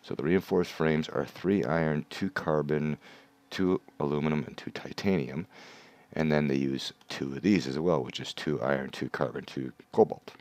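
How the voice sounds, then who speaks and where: Very deep-voiced man streaming a game. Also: steady tone, normal speed, a little mellow, no echo. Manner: chatty, explains game mechanics step by step. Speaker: livestream host. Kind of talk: casual gameplay commentary.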